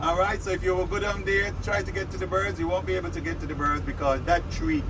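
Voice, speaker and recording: High-voiced Kittitian male tour guide. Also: steady tone, quick pace. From Saint Kitts, Caribbean. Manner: explanatory, addresses guests with check-in questions. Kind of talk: spoken guided tour commentary. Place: on a moving tour vehicle. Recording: loud vehicle and street noise.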